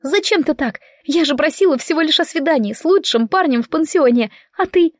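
A woman's voice: high-pitched, animated, brisk, dry recording, clean studio sound, pitched above the performer's own voice. A woman voicing an upset teenage girl of almost fifteen, pleading and indignant.

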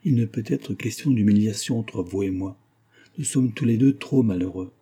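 A man voicing a gentle, compassionate young woman, speaking calmly and soothingly in an audiobook. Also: on the low side, normal speed, husky. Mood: tender. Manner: calm and soothing. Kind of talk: audiobook reading.

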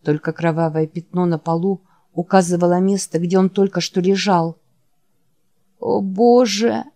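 A woman reading an audiobook in a measured, dramatic narration. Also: fairly low pitch, level tone, warm tone. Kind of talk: scripted narration.

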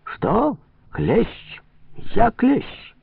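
A man's voice: big pitch swings, extremely slow, gravelly, slightly rough, no room sound, full character voice. A man voicing a fat, wheezing foreign merchant with a nasal, guttural voice in a storybook reading. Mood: indignant. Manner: shrill, shouting, indignant. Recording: tinny phone-like sound.

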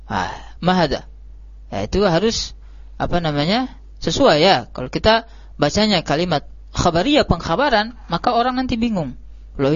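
A man teaching an Arabic lesson, repeating words slowly and drawing them out for his students. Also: high voice, no echo. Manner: slow, drawn-out repetition of words. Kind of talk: classroom lesson. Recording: dull lo-fi live stream audio.

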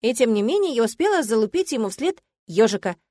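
A woman narrating a novel in the first person, in a steady audiobook reading style. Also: fairly high pitch, fast, no room sound, studio quality.

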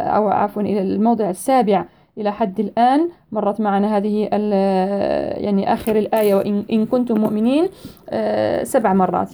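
A woman teaching a tajweed lesson, reciting verses slowly and carefully, then explaining the rules with many hesitations and self-corrections. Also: medium pitch, warm tone.

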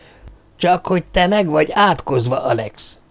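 A man reading a blustering old male dwarf leader, loud and demanding. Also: a little high, lively intonation, pitched above the performer's own voice. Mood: gruff demanding. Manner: loud, demanding, bangs on the table.

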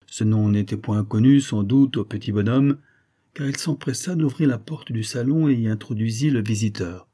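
A man narrating a 19th-century novel aloud in a measured, steady reading. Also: mid-range voice. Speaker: audiobook narrator.

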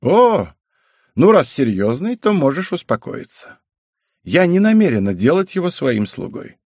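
A man voicing a sly, mocking old woman in an audiobook, speaking in a calm, teasing, unhurried way. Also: a little high, dry recording, clean studio sound, pitched above the performer's own voice.

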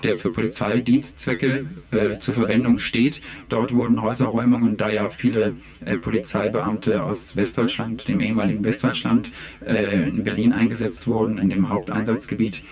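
A disguised deep voice, low and gravelly, as a man puts on an anonymous police union insider. He talks in a halting way, full of hesitant fillers, in a satirical radio interview. A crowd murmurs in the background.

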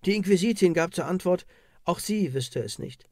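A man in a measured, solemn reading of a historical court record. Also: high-pitched, expressive, darkish tone, no echo. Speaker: narrator.

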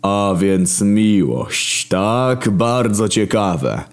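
Man doing a booming wrathful creator god. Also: expressive, full character voice. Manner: slow, booming and solemn. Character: almighty male creator god, wrathful and scheming.

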